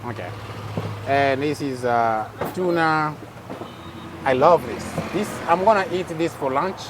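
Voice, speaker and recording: This travel vlogger, a man with a slightly high voice, keeps a measured pace as he narrates casually from a bustling outdoor market. Chatty and quick to laugh, he talks with passers-by while street noise fills the background.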